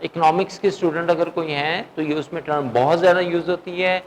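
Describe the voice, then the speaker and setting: A male English teacher lectures a class, drilling vocabulary, posing questions and answering them himself, and dictating English sentences slowly. His voice is fairly high with fairly even intonation. The recording is rough, with a little hiss or hum.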